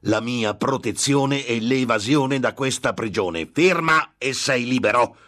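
A man voicing a gloating, impatient male demon who tempts a monk, drawing out his words slowly and menacingly. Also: medium pitch, a bit bright, pitched above the performer's own voice, lightly acted. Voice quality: slow, drawn-out menacing delivery.

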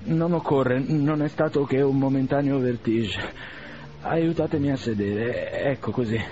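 A man's voice: medium pitch, unhurried, warm tone, natural voice. A man voicing a proud, wounded older aristocrat in a duel, with stiff, formal speech, on a muffled lo-fi recording. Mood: strained.

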